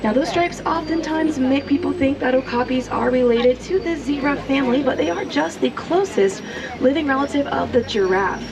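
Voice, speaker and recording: High-voiced woman guide over loud crowd noise. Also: moderate pace. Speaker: safari tour guide. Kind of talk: rehearsed guided-tour commentary. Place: open safari truck outdoors. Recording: loud crowd and vehicle, outdoor ride. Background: crowd chatter and vehicle rumble.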